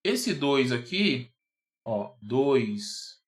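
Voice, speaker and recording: A man's voice: mid-range voice, very animated, very slow. A man with a Brazilian Portuguese accent, teaching a math lesson patiently and checking often that the student follows. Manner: patient and repetitive, checks understanding with "certo?" and "ó". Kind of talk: explaining math at a whiteboard.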